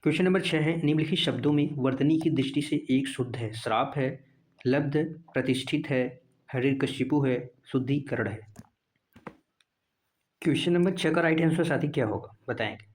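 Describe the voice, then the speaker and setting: A man's voice: medium pitch, normal speed. A male teacher going through exam practice questions one by one, asking and answering his own questions and repeating each answer. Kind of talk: exam prep lesson.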